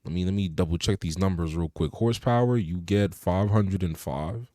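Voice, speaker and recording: In this easygoing car chat, a young podcast co-host fills his talk with "you know." His mellow voice sits low and keeps a moderate pace, with no echo on the recording.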